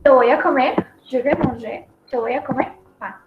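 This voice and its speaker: A woman with a high voice teaches a French lesson in Spanish at a moderate pace, explaining each example step by step and repeating it. The audio is noisy, dull, and lo-fi, recorded in an echoey room.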